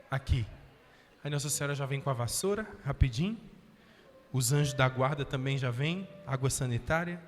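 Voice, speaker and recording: A male priest, preaching a sermon at a healing retreat, telling stories and asking the crowd questions. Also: fairly high pitch. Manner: storytelling, acts out voices, asks the crowd questions. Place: auditorium. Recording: reverberant auditorium, faint music behind.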